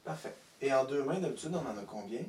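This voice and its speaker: A man working as a stage hypnotist, giving slow repeated suggestions and hushing sounds. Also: mid-range voice, expressive. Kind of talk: hypnosis demonstration. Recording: echoey room, distant mic.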